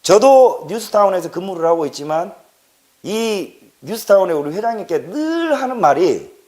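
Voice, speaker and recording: Emphatic Korean man with a lively, rising pitch. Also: moderate pace. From Jeolla, South Korea. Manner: emphatic, repeats words for stress, rhetorical questions. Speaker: political commentator. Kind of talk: impassioned political monologue.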